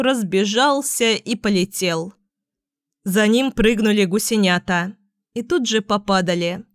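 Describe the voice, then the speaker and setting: A woman narrating a storybook tale in an unhurried, even reading. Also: mid-range voice, dry recording, studio quality.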